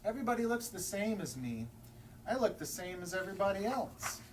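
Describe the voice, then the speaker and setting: A man's voice: high-pitched, big pitch swings, brisk. A man voicing a grumpy, whiny penguin who complains peevishly in a children's picture-book read-aloud. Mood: exasperated. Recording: distant mic, faint background noise.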